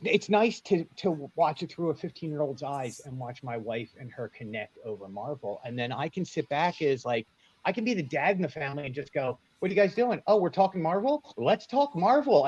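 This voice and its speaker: Playful dad type on a podcast, a little high-voiced, dull lo-fi audio. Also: male voice, animated, a little fast, darkish tone, breathy edge, no room sound. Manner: enthusiastic, jokey dad humor. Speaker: podcast guest and YouTube host. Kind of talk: casual chat.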